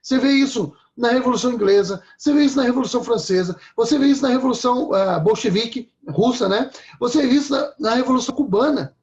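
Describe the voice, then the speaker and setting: A man's voice: very high voice, quick pace, few pauses, a little mellow, lo-fi sound. A man preaching a sermon in a conversational way, often checking in with his listeners.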